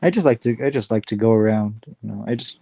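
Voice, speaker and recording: A man's voice: fairly low pitch, quick pace, gravelly, dark tone, no room sound. A man from the Philippines chatting casually and teasing on a livestream. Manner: playful, teasing. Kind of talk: casual group chat.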